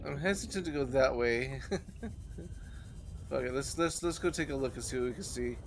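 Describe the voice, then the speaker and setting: A man's voice: mid-range voice, moderate pace, slight background noise. A man in his thirties giving casual commentary while playing a video game in a small room. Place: small indoor room, on webcam. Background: game music.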